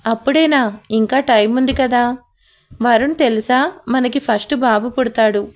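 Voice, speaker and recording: Gentle young wife, read by a woman. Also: on the high side, a little slow, natural voice.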